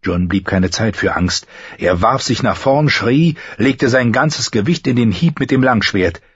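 A man's voice: medium pitch, animated, a little slow, breathy edge, dry recording, highs cut off. A man narrating a fantasy audiobook with tense, vivid storytelling. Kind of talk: dramatic fantasy audiobook reading.

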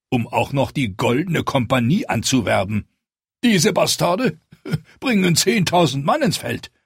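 A man's voice: medium pitch, gravelly, husky, no echo, clean studio sound, pitched above the performer's own voice, full character voice. A man voicing a cheerful old mercenary captain who drawls and hems as he argues. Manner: hesitant, drawling, many filler sounds.

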